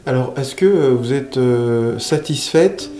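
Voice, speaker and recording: Male TV interviewer, hesitant, mellow voice, roomy echo, faint music. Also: medium pitch. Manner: slow questions full of hesitations. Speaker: interviewer, reporter. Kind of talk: local TV interview. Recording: echoey room with faint music.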